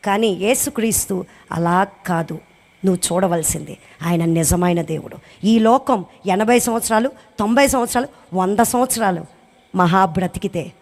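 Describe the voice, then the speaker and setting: A recently widowed woman giving an impassioned testimony sermon to a congregation, rising high and loud on her emphasis and asking many rhetorical questions. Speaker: church speaker giving a testimony.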